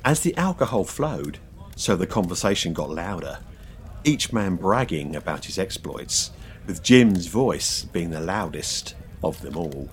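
A man's voice: sits low, sing-song, a little slow, a little hiss or hum. A man co-hosting a podcast, trading playful banter and narrating folk tales expressively. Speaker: podcast co-host and storyteller.

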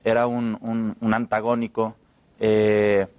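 A man with a Mexican accent, an actor chatting as a guest and telling stories in a loose, relaxed way with restarts. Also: fairly low pitch, slow, clear, resonant tone, lo-fi sound. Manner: relaxed storytelling, fillers and restarts. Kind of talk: casual interview chat.

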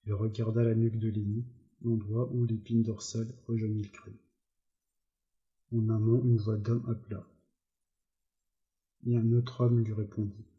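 A man reading a novel aloud as an audiobook narrator, in an even, measured way, on a slightly dull recording. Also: lowish voice. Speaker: audiobook reader. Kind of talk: literary narration.

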